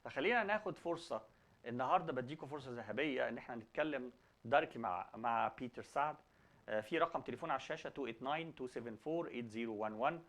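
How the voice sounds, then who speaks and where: Halting male host with Egyptian Arabic accent. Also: medium pitch, fairly bright tone. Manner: halting, repeats word beginnings. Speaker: talk show host. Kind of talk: conversational presenting mixing Arabic and English.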